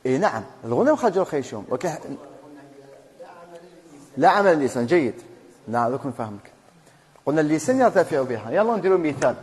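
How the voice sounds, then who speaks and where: In a mosque hall full of long echo, an Algerian-accented Quran teacher leads tajweed lessons in a rather high male voice that's slightly mellow. His delivery is sing-song and quick with frequent pauses, as he questions students and then explains the rules on his own.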